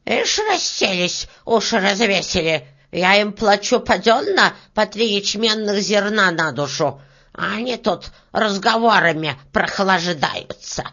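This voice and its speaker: A woman voicing a stingy, spiteful old female ground beetle with a shrill, squeaky voice, for a storybook reading. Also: animated, unhurried, a bit bright. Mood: scolding. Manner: scolding, snappish. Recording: dull lo-fi recording.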